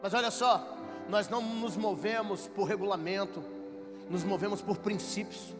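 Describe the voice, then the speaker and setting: A Brazilian man, a pastor, telling jokey stories in a sermon that builds to shouted preaching in a church. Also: high-pitched, fairly even intonation, moderate pace. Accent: Brazilian Portuguese. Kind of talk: sermon with storytelling. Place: church hall. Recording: reverberant church hall with music.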